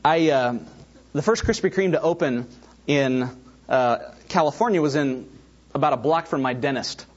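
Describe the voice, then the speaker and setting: Preaching with a voice on the high side at a moderate pace, a middle-aged pastor shares personal stories in lively fashion, adding asides to the congregation. The sound is dull.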